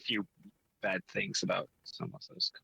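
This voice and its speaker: A man co-hosting a casual gaming podcast, joking around and pitching a game idea. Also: fairly even intonation, measured pace, creaky, pushed and bright, husky, low-quality recording. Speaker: podcast co-host. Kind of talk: casual chat.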